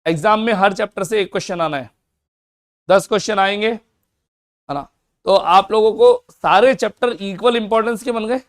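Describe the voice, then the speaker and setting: A man teaching accounts in a fast classroom lecture, asking and answering his own questions. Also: high voice.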